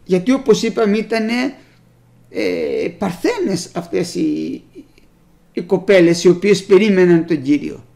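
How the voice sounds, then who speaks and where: Preacher doing a sermon, gravelly voice, reads scripture then explains it, talks to the brothers. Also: mid-range voice, sing-song, a little mellow. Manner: reads old scripture aloud and explains it plainly; speaks directly to the congregation as brothers. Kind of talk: sermon with Bible readings.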